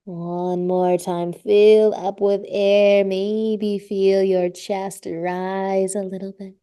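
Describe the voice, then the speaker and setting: A woman teaching a live yoga class, giving slow, soothing cues and drawn-out breath prompts. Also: mid-range voice, level tone, mellow, clean tone. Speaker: yoga instructor. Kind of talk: guided yoga class instruction.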